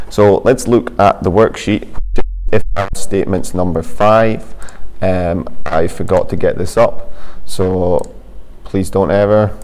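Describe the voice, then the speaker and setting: A man's voice: low voice, vocal fry, darkish tone. A man teaching a coding lesson over a screen recording, explaining step by step in a plain, patient way.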